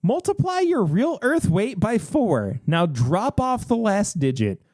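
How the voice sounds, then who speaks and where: Rich: A man with a lively, swinging voice, reading a gamebook aloud in a casual podcast. His tone is dark and mellow, and his delivery is animated, with small hesitations. The sound is dry and close. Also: high-pitched, unhurried, no room sound. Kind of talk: casual read-aloud with banter.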